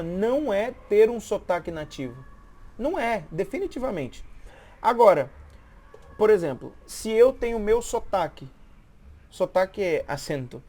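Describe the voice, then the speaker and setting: On a live stream, a woman with a darkish, mid-range voice chats casually and explains a point the way a language teacher would. She repeats herself and checks whether the listener is following.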